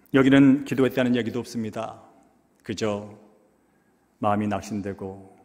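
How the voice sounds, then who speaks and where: A male pastor preaching an emotive sermon in a church, moving between hushed and loud passages. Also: mid-range voice. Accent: Korean. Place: church sanctuary. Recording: long church hall reverb.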